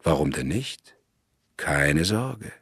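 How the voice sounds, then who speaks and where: A man reading an audiobook, voicing a calm, terse male police inspector. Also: extremely low pitch, slow pace, slightly rough, no room sound, studio quality, exaggerated voice.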